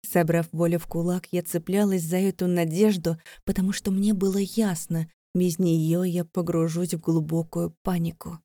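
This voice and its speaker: A woman's voice: fairly low pitch, level tone, moderate pace, hardly any pauses, warm tone, no echo. A woman narrating a first-person fantasy audiobook in a tense, breathless, dramatic way.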